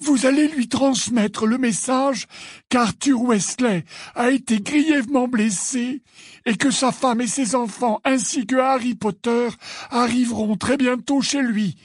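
A man voicing an old, grand headmaster wizard in an audiobook, speaking slowly and with calm authority. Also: very high voice, breathy edge, no echo, clean studio sound, voice pushed up, full character voice. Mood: grave. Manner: slow, deliberate commanding speech. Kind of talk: audiobook character voice.

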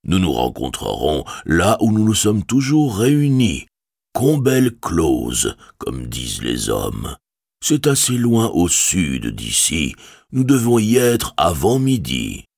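A man voicing an ancient giant male tree-creature in an audiobook, with a booming, deep voice and slow, drawn-out speech. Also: wildly swooping pitch, vocal fry, a little mellow, no echo, clean studio sound, exaggerated voice. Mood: ponderous. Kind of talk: audiobook character voice.

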